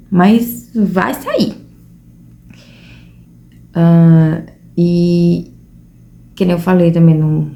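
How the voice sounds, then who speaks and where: Mellow-voiced Brazilian woman vlogging. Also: fairly low pitch. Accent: Brazilian Portuguese. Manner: earnest, conversational, addresses viewers directly. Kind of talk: casual reflective talk to camera. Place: at home, seated at a table.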